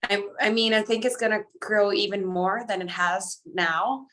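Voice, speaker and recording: A woman's voice: mid-range voice, moderate pace. Chatty woman singer, Dominican-raised. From Dominican Republic. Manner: chatty and warm, laughs often, switches between English and Spanish. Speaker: singer guest. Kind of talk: casual interview answers.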